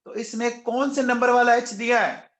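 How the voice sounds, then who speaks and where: In a live online chemistry lecture, a man with an extremely high voice keeps coaxing and quizzing his students, raising his voice to get answers and saying he is shouting nonstop. His intonation is fairly even and his pace moderate, and the room sounds echoey.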